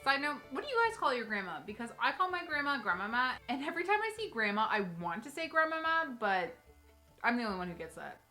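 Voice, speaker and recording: Over faint music, a woman hosts a casual, comedic retelling of a fairy tale, chatting to viewers and tossing in wry asides. Her voice is a little high, bright and pushed, with a fast, sing-song delivery. She acts as both host and storyteller.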